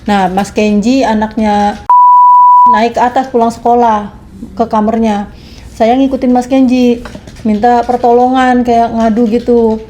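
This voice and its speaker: A young woman, a domestic worker, giving testimony in a plain, halting way and quoting the dialogue. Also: fairly high pitch, fairly even intonation, noisy background. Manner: plain retelling, quotes dialogue, slow and halting. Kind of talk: personal testimony.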